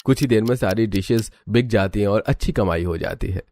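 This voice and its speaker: A man's voice: fairly low pitch, a little fast, warm tone. A man reading scripted narration for a cartoon family story. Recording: clearly noisy background.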